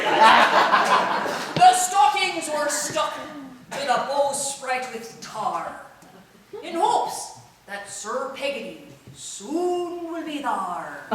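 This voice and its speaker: A woman's voice: high-pitched, background noise, heavily acted. A woman playing a chuckling old pirate sea dog. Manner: hearty pirate growls, slips into chuckles. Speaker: storyteller. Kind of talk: live theatrical reading in character. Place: theatre party hall. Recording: echoey hall from far off.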